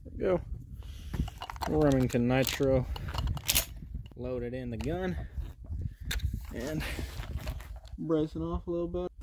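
A young outdoors-channel host works at a shooting range, chatting with viewers in a casual, plain, folksy way. His voice is a little high and slow with frequent pauses, and the recording is very noisy.

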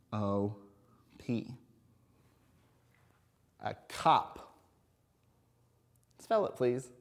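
A man in his thirties giving a phonics lesson, speaking simply and encouragingly as if to a small child. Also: on the low side. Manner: sounds out and spells words letter by letter. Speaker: kindergarten reading teacher. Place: indoors at an interactive whiteboard.

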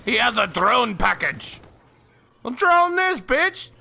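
High, lively-voiced excitable man gaming. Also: takes it slowly, gravelly. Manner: excitable, profane, shouts at the game; laughs often. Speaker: gaming channel host. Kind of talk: live gameplay commentary.

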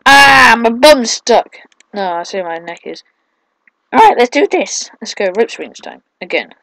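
A woman doing excitable, casual let's play commentary, mixing drawn-out exclamations with quieter asides. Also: on the high side, vocal fry, no room sound, poor audio. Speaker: gaming video host.

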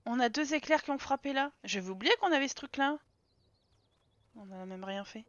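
Chatty woman streamer, bright edge, muffled lo-fi stream sound, talks back to her game. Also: high voice, expressive, normal speed, no room sound. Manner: chatty, exclaims and scolds her game characters. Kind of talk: casual let's-play commentary.

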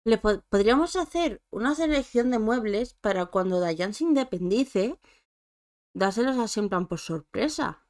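A woman streams a life-simulation game with relaxed, talkative commentary, speaking to the characters on screen. Her high-leaning, darkish voice is expressive and moves at a moderate pace.

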